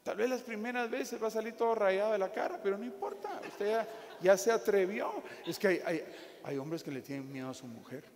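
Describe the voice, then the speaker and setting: Guatemalan pastor guy, jokey animated sermon, a bit high voiced, big echoey hall. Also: brisk. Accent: Guatemalan Spanish. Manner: jokey, animated preaching with acted asides. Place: church hall. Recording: echoey hall with faint ambience.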